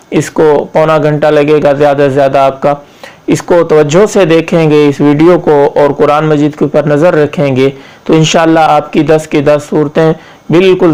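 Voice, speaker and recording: A man teaching Quran recitation, drilling slow chanted verses word by word and correcting common mispronunciations. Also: fairly high pitch, darkish tone, smooth.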